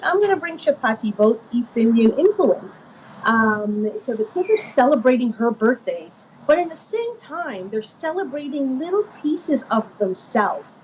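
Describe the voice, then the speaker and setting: A woman from Guyana in her thirties talks animatedly about her children's books, with plenty of ums and restarts. Her voice sits fairly high. The recording is muffled and lo-fi, with a faint hiss behind her. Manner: animated storyteller, many fillers. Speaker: children's author. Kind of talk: conversational interview.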